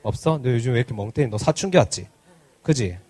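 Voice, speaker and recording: A man's voice: medium pitch, expressive, quick pace, a little mellow, breathy edge. A man giving an interactive children's sermon at a church service, teasing the kids playfully and asking them lots of questions. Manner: asks the children many questions. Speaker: children's pastor.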